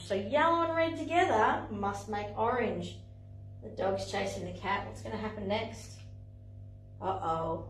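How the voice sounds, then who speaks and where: In an echoey indoor playroom, a young Australian playgroup facilitator stands before a screen and tells toddlers and their parents a picture story. Her slightly high voice is lively and sing-song, peppered with exclamations, and it's captured from afar by a camera.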